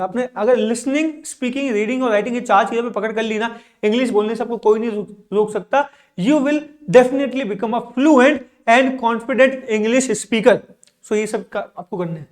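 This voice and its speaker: A male English teacher leads a video lesson. He keeps asking questions and answering them himself, and he says "ठीक है" again and again to check that students follow. He repeats each word twice so the class can copy him. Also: very high voice.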